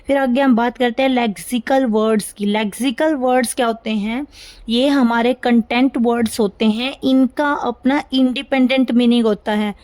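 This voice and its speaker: A woman teacher with a slightly high voice, walking through exam-prep material. She repeats the key terms and keeps asking questions that she answers herself. The sound is dry and close, with no room echo. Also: a little mellow. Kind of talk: exam-prep lecture, Hindi mixed with English.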